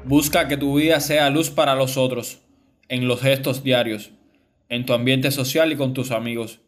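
A man reading a scripted Gospel reflection in an earnest, measured way. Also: mid-range voice. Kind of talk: scripted devotional narration.

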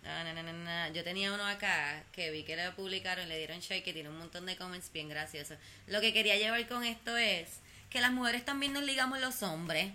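A young woman with a Puerto Rican accent hosts a casual podcast in an animated, teasing way, circling back over the same phrases. Her voice is very bright and forward. A faint hiss sits under the recording. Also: fairly low pitch, brisk. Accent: Puerto Rican Spanish. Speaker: podcast host.

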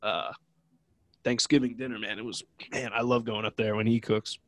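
Stuffed up from a cold, this young podcast co-host from Ohio sounds nasal, with a lowish, fairly bright voice that stays flat in pitch and keeps a moderate pace. The recording is dry, and the conversation is rambling, jokey and relaxed.

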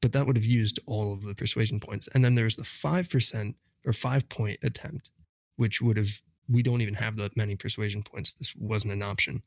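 This is a low-voiced man hosting a casual gaming podcast. He works through the mechanics methodically, recorded dry and close. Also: fairly even intonation, fairly quick, vocal fry, no echo. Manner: analytical, methodical explanations. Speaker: podcast host.

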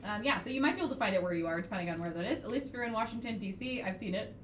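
A woman's voice: mid-range voice, expressive, racing, a little hiss or hum. Easygoing young woman in an echoey room. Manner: easygoing, explains with fillers. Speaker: podcast co-host. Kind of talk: casual chat.

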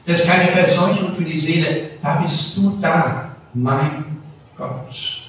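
A man pastor giving a lively sermon, slowing down on key phrases and swelling loud at times, recorded in a large church hall. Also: on the high side, a little hiss or hum. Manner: lively preaching with slow, stressed phrases and sudden swells in volume. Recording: very echoey church from a distance.

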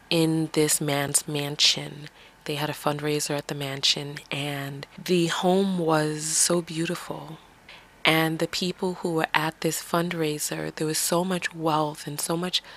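Earnest Bronx-born woman, low voice. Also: a bit bright. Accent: slight New York. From the Bronx, New York. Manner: earnest, coaching, asks many rhetorical questions. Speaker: podcast host. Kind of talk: reflective solo monologue.

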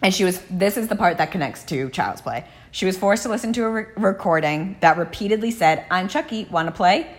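A woman's voice: medium pitch, lively intonation, a little fast, hardly any pauses. A woman hosting a true crime podcast, telling the case in a casual, blunt way with frequent swearing. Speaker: podcast host.

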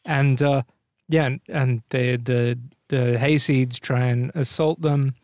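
A man's voice: mid-range voice, fairly even intonation, slow pace, a little mellow, no room sound. A man chatting loosely about a movie with his co-hosts, in a middle-range voice. He rambles, restarts and laughs easily. The recording is close and dry. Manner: rambling, laughs often, swears casually. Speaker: podcast co-host. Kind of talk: casual film-review chat.

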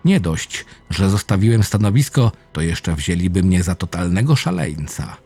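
A man reading a first-person horror story aloud, low and intense with dramatic swings. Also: big pitch swings, moderate pace, dark tone, slightly rough. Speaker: narrator. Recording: faint music behind the voice.

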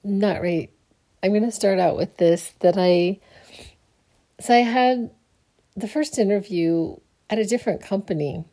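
A woman's voice: mid-range voice, unhurried, pauses often, dark tone. A young adult woman, a counselor, chatting casually late at night, sleepy and rambling with lots of fillers and restarts. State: sleepy, yawning. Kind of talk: casual personal vlog.

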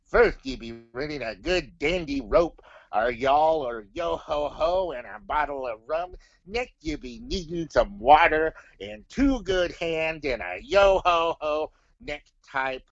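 A man's voice: a little high, lively intonation, takes it slowly, vocal fry, dry recording, dull audio, heavily acted. A man voicing a gloomy pirate puppet with stock pirate dialect and old-fashioned grammar in a comic ventriloquist skit. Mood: hearty. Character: gloomy pirate puppet, confessing with weary regret.

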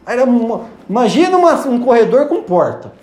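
Male preacher, sermon testimony, animated storyteller; mellow high voice, echoey room. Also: fairly quick, a little hiss or hum. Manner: animated storytelling, acting out dialogue.

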